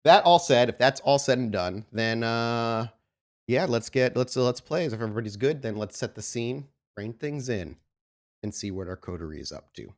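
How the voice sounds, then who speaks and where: A man running an actual play podcast as host and game storyteller for a tabletop roleplay makes casual announcements, then narrates a scene slowly. He has a mid-range voice with lively intonation and a moderate pace.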